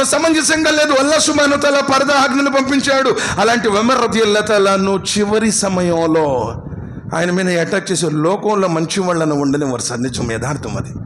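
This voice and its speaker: A man's voice: extremely high pitch, fairly bright tone, a little hiss or hum. A man preaching a sermon, impassioned and full of rhetorical questions, calling his listeners brothers and sir. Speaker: Islamic preacher.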